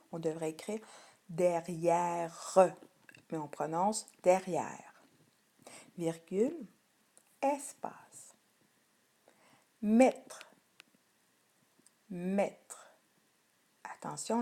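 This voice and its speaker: Woman, Québécois French accent, spelling dictation for kids, very slow, mellow, patient over-articulation. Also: fairly low pitch. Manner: patient, over-articulated, lingers on each word. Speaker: teacher.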